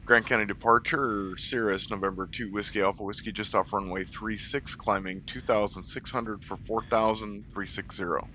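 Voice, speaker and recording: A man flying a simulated airplane, making brisk, businesslike radio calls in clipped aviation phrasing through a cockpit headset mic. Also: on the low side, fairly even intonation, bright, forceful tone, a little hiss or hum. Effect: pilot talking into a cockpit headset mic. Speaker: flight sim pilot making radio calls.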